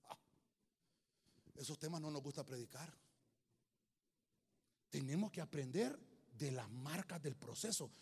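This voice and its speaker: A man's voice: fairly high pitch, expressive, a little slow, long pauses, slightly rough. Man preaching in a reverberant hall. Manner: storytelling with humor, swings from loud to hushed. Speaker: pastor. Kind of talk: sermon. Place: church hall.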